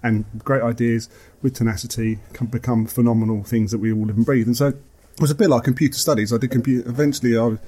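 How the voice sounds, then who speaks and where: A man from Essex with an Essex accent, chatting casually and self-deprecatingly as a podcast guest, telling stories in an animated way. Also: mid-range voice, fast talker. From Essex, England.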